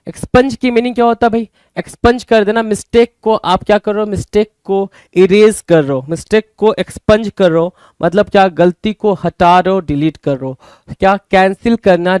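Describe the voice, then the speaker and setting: A man's voice: high-pitched, darkish tone, clean tone, no echo. A man teaching an exam-prep vocabulary lesson. He keeps repeating words and asking the viewer rhetorical questions.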